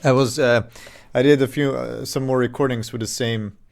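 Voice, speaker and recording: A man from Serbia with a Serbian accent, chatting casually on a game development live stream into a desk microphone, halting and full of fillers. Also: medium pitch, steady tone, creaky, a little mellow. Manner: halting, many fillers and restarts.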